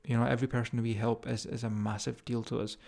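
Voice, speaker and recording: A man's voice: medium pitch, little pitch movement, fast talker, vocal fry, darkish tone. A man with a strong Scottish accent, talking informally and directly to listeners as a fitness coach hosting a podcast. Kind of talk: casual motivational podcast talk.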